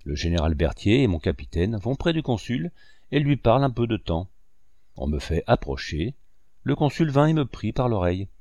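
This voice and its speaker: A man narrating a first-person memoir in a steady, measured way. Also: on the low side, no echo. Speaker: audiobook reader.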